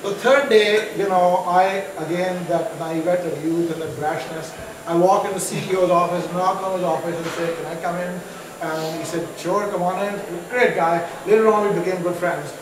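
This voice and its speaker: A man's voice: sits high, steady tone, normal speed. A man from Pakistan telling his story as a guest on stage, chatty and self-mocking, with many fillers and restarts. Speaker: guest entrepreneur. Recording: distant mic, echoey room, noisy.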